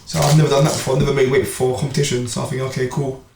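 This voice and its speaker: Young man, flat delivery, podcast guest heard off-mic in a roomy space with faint hiss. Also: medium pitch, very fast, vocal fry, distant mic. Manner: animated storytelling with street slang. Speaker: amateur boxer and club player. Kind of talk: casual podcast chat.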